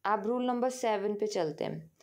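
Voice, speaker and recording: A woman's voice: mid-range voice, moderate pace, a little mellow. A woman teaching a grammar lesson, patiently asking the class questions and answering them herself. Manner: addresses pupils affectionately as "beta".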